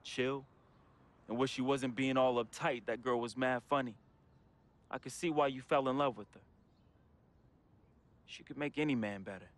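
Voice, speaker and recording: With a steady tone and a natural mid-range voice, a man reads at normal speed, leaving long pauses. He's an actor voicing a troubled young game character's confessional farewell letter, a somber, heartfelt studio monologue that uses casual slang.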